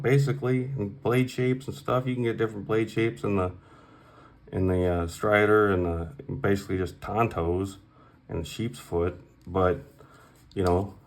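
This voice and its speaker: Man, low-pitched, casual vlog rant, blunt, profane, heated, repetitive, audible background noise. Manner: blunt, profane, repeats himself; heated, emphatic. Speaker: knife collector vlogger.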